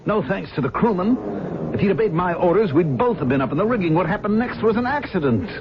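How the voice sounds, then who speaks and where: An actor playing a defensive young ship's mate confessing to a killing, with earnest, dramatic storytelling in radio drama style. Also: male voice, fairly low pitch, sing-song, moderate pace. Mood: grim, intense. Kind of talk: old-time radio drama acting. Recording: noisy muffled old radio broadcast recording.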